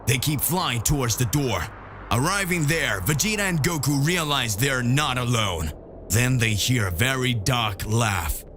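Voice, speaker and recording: A man's voice: mid-range voice, lively intonation, measured pace, a bit bright, faint music behind. A man narrating a scripted anime fan-fiction story as its storyteller.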